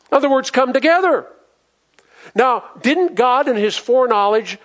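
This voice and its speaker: A pastor preaching a sermon to his congregation, reading scripture aloud and asking the people questions. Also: sits high. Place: church in front of a congregation.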